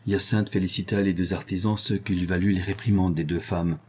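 A man reading a historical novel aloud in a steady, measured way. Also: low voice, slightly rough. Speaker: audiobook narrator. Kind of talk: scripted narration of a historical novel.

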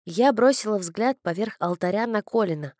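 A woman's voice: medium pitch, normal speed, darkish tone, no room sound. Woman reading an audiobook, wry and dry. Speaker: audiobook narrator. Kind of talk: scripted first-person narration.

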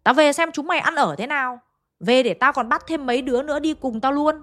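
A woman's voice: sits high, fast talker, fairly bright tone, voice pushed up. A woman doing a foul-mouthed old man's ghost. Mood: scolding. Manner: harsh, scolding, barks insults. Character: cranky abusive old male ghost possessing a woman.

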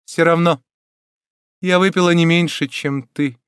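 A man reading an audiobook and voicing a proud, anguished young woman with high, strained cries. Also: a little slow, dry recording, studio quality, natural voice. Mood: grimly resolute.

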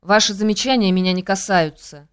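A woman reads as a spirited young lady who answers with cool, cutting pride, her smooth, clear voice sitting at a middling pitch. It is a storybook heroine who will not be talked down to. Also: brisk, lightly acted. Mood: cold, indignant. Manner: proud and cutting. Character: proud, fiery young woman singer.

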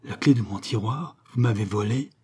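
A man's voice: fairly low pitch, moderate pace, darkish tone, breathy edge. A man voicing a frightened old invalid. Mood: anxious. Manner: anxious, startled questions. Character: frightened old male invalid with a wooden leg.

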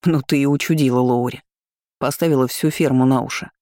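A man's voice: medium pitch, steady tone, fairly quick, a little mellow, no echo, studio quality, lightly acted. A woman voicing a blunt, teasing young brother in an audiobook. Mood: scolding.

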